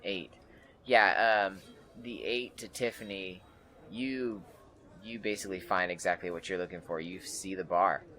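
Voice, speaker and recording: Relaxed male game master, loose narration with lots of ums. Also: sits low, measured pace. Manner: relaxed, filler-heavy.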